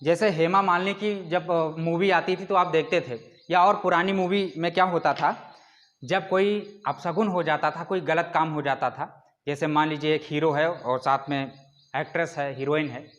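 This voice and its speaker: A man's voice: on the high side, steady tone, moderate pace, fairly bright tone. A man teaching a class, explaining with rhetorical questions and stretching out sounds to demonstrate them. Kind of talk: classroom lecture.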